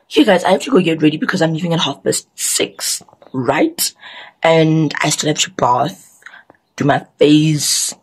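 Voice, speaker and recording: A young woman from South Africa, talking to her camera in a casual vlog, chatty and rambling, with a husky, lowered morning voice. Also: animated, measured pace, poor audio. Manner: chatty, rambling, self-mocking. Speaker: vlogger.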